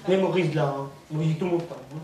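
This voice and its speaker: A man's voice: a little high, a little fast. Naive-sounding man doing stand-up from afar. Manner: naive, deadpan village-simpleton persona with frequent "hein". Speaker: stand-up comedian. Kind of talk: stand-up comedy routine. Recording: roomy, noisy recording from far off.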